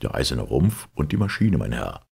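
An unflappable gentleman who speaks with cool composure, as a male reader gives him voice. The voice is very deep, gravelly and husky. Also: moderate pace, heavily acted. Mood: calm. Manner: unruffled, even-tempered. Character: calm, phlegmatic English gentleman, middle-aged.

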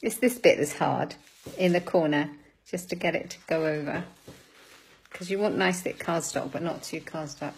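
A woman's voice: low voice, moderate pace, vocal fry, a little hiss or hum, rough recording. A woman giving a live craft demonstration, chatting with viewers as she works and laughing at her own fumbles. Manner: chatty, greets viewers by name.

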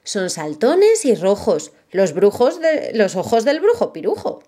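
Woman playing a clever little storybook girl, teasing, sing-song rhymes, bouncy pitch. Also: wildly swooping pitch, unhurried, mellow, breathy edge, exaggerated voice.

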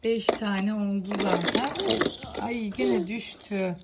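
A woman's voice: medium pitch, fairly even intonation, slow pace, very noisy. A woman hosting a children's toy channel, counting aloud and mildly fretting as the toy cars keep falling over. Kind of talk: toy play narration for children.

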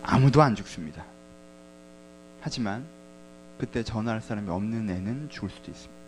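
A man's voice: lowish voice, animated, brisk, a little hiss or hum, rough recording. A man preaching a sermon as pastor, talking conversationally and asking the congregation questions.

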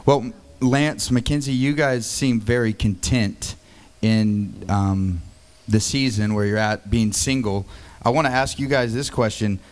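A man hosting a church stage panel, asking the guests questions and encouraging them, into a handheld mic. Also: lowish voice. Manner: encouraging, with quick affirmations. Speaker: panel host.

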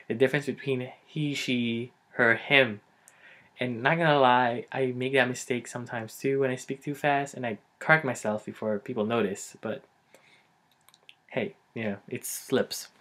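A man's voice: mid-range voice, a bit bright. A young man with a Filipino accent talking casually in a comedic vlog, rambling with many fillers. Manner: chatty, rambling, lots of likes and ums. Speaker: vlogger.

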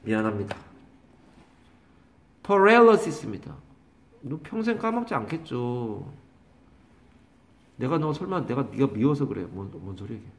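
A man teaching English vocabulary to a class, drawing out pronunciations slowly and teasing and scolding his students. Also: medium pitch, sing-song. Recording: echoey classroom.

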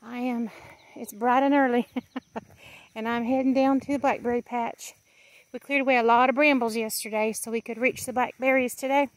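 A woman's voice: a little high, fairly even intonation, normal speed, no room sound. Chatty woman in her fifties outdoors. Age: 50s. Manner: chatty and homey, with frequent laughs and fillers. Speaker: vlogger. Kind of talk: casual outdoor vlog. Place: outdoors at a blackberry patch.

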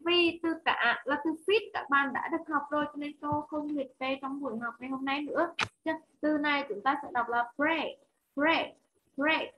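A woman teaching English to children online, slowly repeating each word with careful enunciation. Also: high voice, steady tone, a little hiss or hum. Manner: slow repeated drilling of single words, clear enunciation. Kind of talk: online class drilling vocabulary. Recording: muffled lo-fi online call audio.

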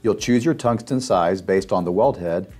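Deep-voiced man narrating a demo video. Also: normal speed, faint music behind. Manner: steady instructional step-by-step delivery. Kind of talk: scripted narration.

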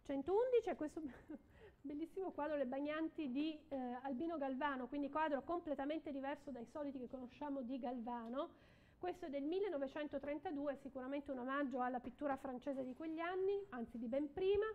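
Middle-aged female auctioneer, high voice, presenting lots and repeating bids in clipped phrases, somewhat muffled recording. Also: fairly quick. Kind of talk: live art auction, calling lots and bids. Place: indoor auction room, at a podium.

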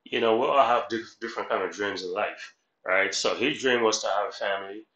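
Speaking a little fast in a lowish voice, a middle-aged life coach and reaction host from Haiti delivers motivational, instructive commentary, repeating points and frequently checking in with his listener. The muffled recording comes from a small room at home, with a roomy echo.

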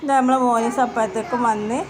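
A woman's voice: on the high side, steady tone, brisk. A woman, chatting tiredly and plaintively to her subscribers about running her shop with her kids. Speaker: vlogger who runs a small tea shop. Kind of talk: casual vlog talk to subscribers. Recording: noisy background with traffic.

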